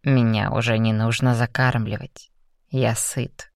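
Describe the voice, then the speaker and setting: A woman voicing a cocky, playful male demon lover in an audiobook, dropping to a husky, teasing murmur. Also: a bass voice, level tone, a little slow, no room sound, studio quality, voice pushed down, heavily acted. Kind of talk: audiobook reading.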